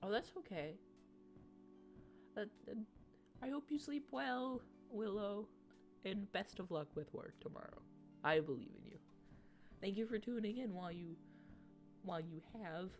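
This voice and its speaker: A woman's voice: mid-range voice, soft background music. A woman streamer reading a dating-sim game's text aloud, breaking off to joke and tease the characters. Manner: animated and jokey, quick to tease the characters.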